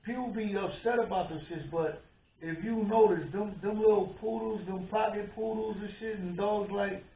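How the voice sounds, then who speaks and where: Animated man telling stories in an echoey room. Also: high-pitched, normal speed. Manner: animated storyteller, acts out quotes. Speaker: podcast co-host. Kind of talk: casual chat. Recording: echoey room, tinny phone-like sound, from far off.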